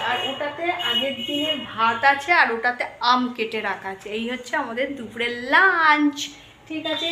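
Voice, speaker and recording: A middle-aged woman with a sore throat, chatting softly to viewers in her home kitchen. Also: high-pitched, slight background noise. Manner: chatty, talks straight to viewers. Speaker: home vlogger. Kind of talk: casual home vlog chat. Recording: echoey home room.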